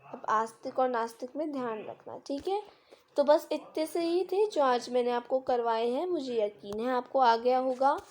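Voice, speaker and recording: In a screen-recorded lesson, a woman teaches Hindi grammar, patiently working through simple examples and quiz questions. Her voice is high-pitched with a darkish tone, at a normal speed, picked up by the device's built-in mic.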